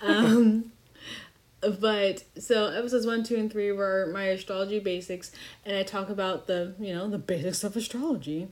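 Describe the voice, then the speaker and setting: A young woman runs a loose, casual podcast chat while a little tipsy. She rambles, swears freely and mocks herself along the way, at an ordinary middle pitch. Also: fairly even intonation, normal speed, darkish tone. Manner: rambling, swearing, self-deprecating. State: slightly intoxicated. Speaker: podcast host.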